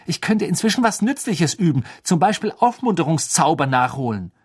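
A man's voice: a little high, big pitch swings, a little fast, husky, voice pushed up. A man voicing a clever, impatient teenage schoolgirl who speaks sharply and with exasperation, in a storybook reading. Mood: exasperated.

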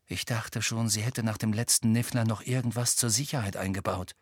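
A man voicing a quick-witted teenage girl who speaks softly and hurriedly. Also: lowish voice, steady tone, husky, no room sound, clean studio sound. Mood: hushed. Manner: soft, hushed, hurried.

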